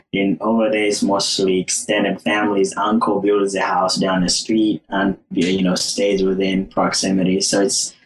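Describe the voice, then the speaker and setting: A man's voice: low voice, slight background noise. A young man from Uganda, a podcast guest, answering in a casual, hesitant way with many fillers and restarts. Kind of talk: casual interview. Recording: roomy echo.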